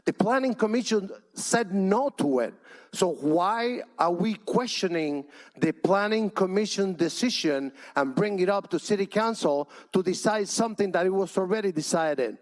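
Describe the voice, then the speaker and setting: A man's voice: sits high, expressive, normal speed. A Spanish-speaking man from Cuba with a Cuban Spanish accent gives an impassioned, pleading public comment at a city council meeting, repeating his points. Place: council chamber.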